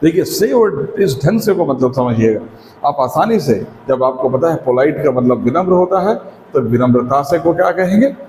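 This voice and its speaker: A man with an Indian accent teaching a spoken English lesson, explaining step by step and often asking if it is clear. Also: a little high, animated, moderate pace, a little mellow, slight background noise. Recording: echoey room with long reverb.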